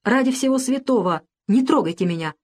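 A woman's voice: fairly high pitch, expressive, fairly quick, darkish tone, voice pushed up. A woman reading a modest, imploring young slave girl. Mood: pleading fear. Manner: timid, imploring.

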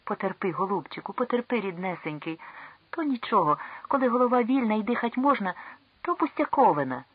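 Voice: medium pitch, very animated, brisk, breathy edge, no room sound, phone-quality sound, pitched above the performer's own voice. A reader doing a stern, frantic companion. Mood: soothing. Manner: sharp commanding shouts. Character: anxious older companion, stern then frantic.

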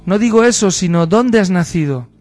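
A man's voice: high-pitched, animated, normal speed, a little mellow, soft background music. A man reading the part of a pompous, wealthy philosopher who questions impatiently and condescendingly. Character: pompous wealthy male philosopher, self-important.

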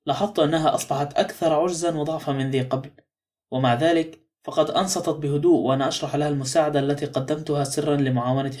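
A man narrating a novel in the first person as an audiobook, in a steady storytelling manner. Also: a little high.

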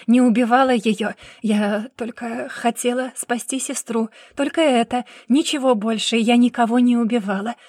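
A woman's voice: fairly high pitch, darkish tone, no echo, studio quality, natural voice. A woman voicing a desperate young pregnant wife who pleads that she is innocent. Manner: pleading, breathless protests.

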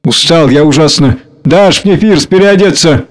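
A man's voice: a little high, measured pace, close to an everyday voice. A man reading aloud, voicing a weary, tearful older nobleman.

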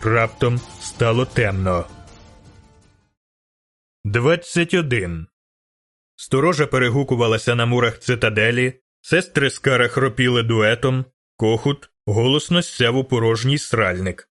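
A man reading a fantasy novel aloud as audiobook narrator, with measured, dramatic storytelling. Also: medium pitch, fairly bright tone, faint music behind. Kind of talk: scripted narration.

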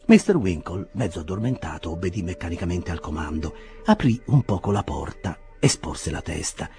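A man reading a classic novel aloud as an expressive, dramatic narrator. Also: sits low, moderate pace. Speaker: audiobook reader. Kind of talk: audiobook narration.

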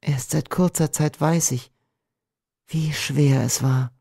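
A man playing a gentle doomed young woman. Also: slow. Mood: tender, pleading. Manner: soft, pleading, raised pitch.

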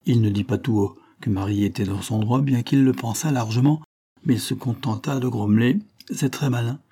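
A man reading a classic novel aloud as an audiobook narrator, in a measured, even delivery. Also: medium pitch, slightly rough. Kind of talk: literary reading.

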